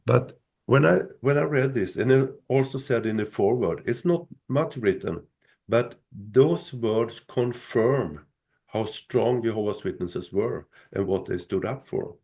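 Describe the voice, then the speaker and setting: Slow, gravelly-voiced man losing his voice. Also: mid-range voice, a little mellow. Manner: slow, halting, many restarts. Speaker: son telling his mother's story. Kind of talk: live talk with a host.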